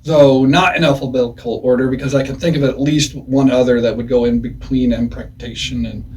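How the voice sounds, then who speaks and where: A man's voice: mid-range voice, steady tone, fairly quick, darkish tone, recorded from a distance. A man in his forties giving a casual, rambling music review, full of "uh"s and "anywho"s.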